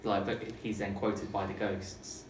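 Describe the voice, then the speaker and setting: A man teacher chatting casually about a novel, relaxed and rambling with many fillers. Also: on the low side, unhurried. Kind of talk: casual literature lesson chat. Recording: roomy, distant mic, clear background noise.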